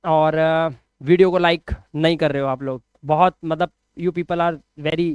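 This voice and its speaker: Young male tutor, smooth clear voice, dry close sound, playful and repetitive. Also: fairly high pitch, steady tone, unhurried, dry recording. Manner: playful, repeats words, scolds viewers to like. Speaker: English teacher. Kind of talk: lively spelling lesson, live stream.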